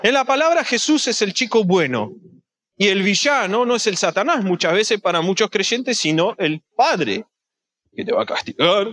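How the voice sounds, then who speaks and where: A man preaching a sermon, animated and acting out little scenes with voices. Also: sits high.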